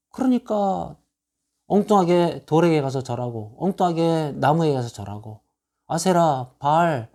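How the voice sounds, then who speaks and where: A man's voice: fairly high pitch, a little mellow. A man preaching a sermon as pastor, reading scripture verses and pressing his point with rhetorical questions and repeated lists. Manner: quotes scripture verses aloud. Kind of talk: expository sermon.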